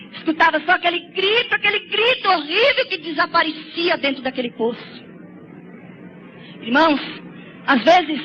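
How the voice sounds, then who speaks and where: A woman with a very high, piercing voice delivers an emotional testimony sermon. She talks fervently and tearfully and turns again and again to her brothers in the congregation. The recording is a little dull and lo-fi, with a faint hiss behind her. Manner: fervent, tearful, keeps addressing listeners as brothers. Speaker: church sister giving a testimony.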